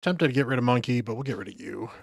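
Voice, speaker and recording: A tired man streams a game, talking fast in a mid-range, creaky voice, recorded with studio quality and no echo. He rambles, muttering casual asides and chatting with his viewers in a relaxed live-stream style.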